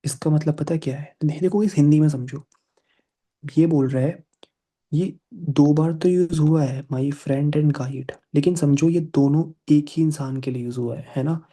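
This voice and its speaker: Man, online English teacher, mixes English into explanations, dark timbre. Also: on the high side, unhurried. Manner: mixes English into explanations, quotes students' questions.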